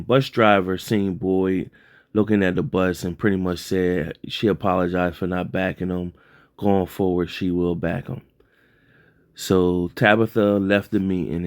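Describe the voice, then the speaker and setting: A man with a deep, low-pitched voice talks through a TV episode recap in a relaxed, unscripted way. He rambles and corrects himself, leaning on fillers and "like". The sound is dry and close, with no room around it. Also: gravelly, no echo. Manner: loose and rambling, heavy on fillers and self-corrections. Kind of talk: casual spoken recap.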